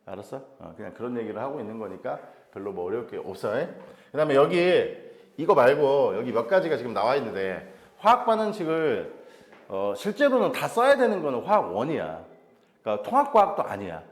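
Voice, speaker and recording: A man's voice: medium pitch, big pitch swings, a little fast, echoey room. A man teaching science to a small group in Korean, quizzing students often and repeating check-in questions. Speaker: science tutor. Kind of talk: classroom teaching.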